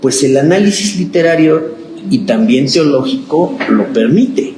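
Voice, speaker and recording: A pastor gives a chatty, animated Bible class, quizzing his students and acting out the lines he quotes. His voice sits a little high for a man. The room is echoey, with clear noise behind him. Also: unhurried. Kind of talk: conversational Bible study lecture. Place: church classroom.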